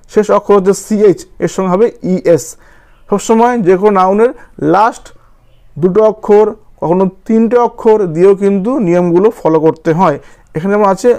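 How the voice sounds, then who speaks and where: A man's voice: sits high, warm tone. A man teaching a grammar lesson, spelling words out letter by letter and often checking that students follow. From West Bengal.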